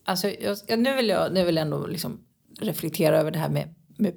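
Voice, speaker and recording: Woman, casual chat, gravelly vocal fry, quick reflective talk, many restarts. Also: lowish voice, darkish tone. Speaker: podcast co-host.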